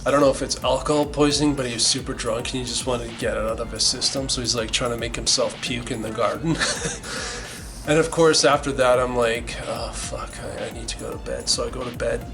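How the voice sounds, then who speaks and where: A man's voice: mid-range voice, fairly even intonation, a little fast, low-quality recording. Rambling, foul-mouthed middle-aged man. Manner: rambling, heavy swearing, many restarts. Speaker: band member recalling the band's origins. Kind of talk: casual storytelling. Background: music.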